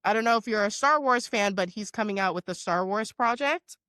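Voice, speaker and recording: A woman hosting a casual podcast chat, a bit hoarse, talking in a chatty, upbeat way with lots of fillers. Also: medium pitch, brisk, bright, forceful tone, no echo, studio quality. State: hoarse, under the weather. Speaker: podcast host.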